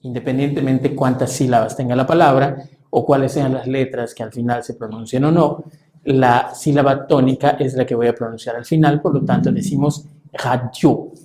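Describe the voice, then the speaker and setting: A man explains letter sounds to a class in a steady, measured way, pausing often on fillers. His voice is mellow, and the room gives it a noticeable echo. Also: mid-range voice. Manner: measured, halting with frequent fillers. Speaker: French teacher.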